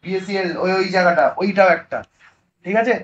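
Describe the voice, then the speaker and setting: A man teaching chemistry in a classroom lecture, lively and coaxing, often checking that the students follow. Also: high voice, brisk, muffled recording.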